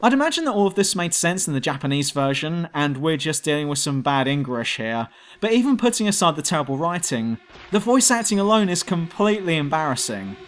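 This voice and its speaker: A man's voice: on the high side, big pitch swings, brisk. A man narrating a scripted video game review as host, blunt and sardonic.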